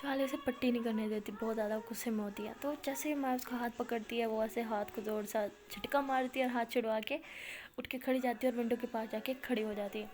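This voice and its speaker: A woman's voice: a little high, steady tone, darkish tone. A woman telling a romance story in a casual, chatty way, full of fillers. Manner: chatty, filler-heavy narration. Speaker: storyteller, channel host.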